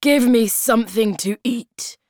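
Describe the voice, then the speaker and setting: A woman voicing a sad, tired male hobgoblin who is centuries old, speaking slowly and solemnly. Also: on the high side, a little mellow, dry recording, studio quality, voice pushed up, close to an everyday voice. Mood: weary. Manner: slow, weary and solemn.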